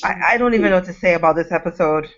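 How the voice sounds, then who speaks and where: A woman chatting casually with friends on a live online call, lively and quick to laugh. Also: fairly low pitch, highs cut off. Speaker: fan in a live discussion. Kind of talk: casual group chat. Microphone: video call.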